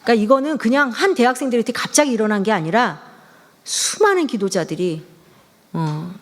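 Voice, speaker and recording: A woman's voice: a little high, expressive, a little fast. A middle-aged woman preaching a sermon in a conversational, storytelling way. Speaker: pastor's wife preaching.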